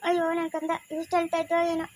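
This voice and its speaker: Woman playing a fast-talking, doting young mother. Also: extremely high pitch, completely flat delivery, a little mellow, slight background noise. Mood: soothing. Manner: coaxing, affectionate, repeats pet names. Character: loving young mother, soothing and playful. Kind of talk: amateur family drama acting.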